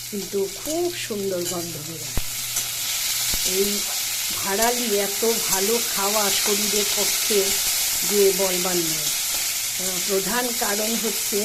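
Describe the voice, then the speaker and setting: Chatty woman cooking over loud sizzling. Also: medium pitch. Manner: chatty, explains each step as she cooks. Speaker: cooking channel host. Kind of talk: casual cooking demonstration. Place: home kitchen. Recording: loud kitchen frying noise. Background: sizzling frying and clattering pots.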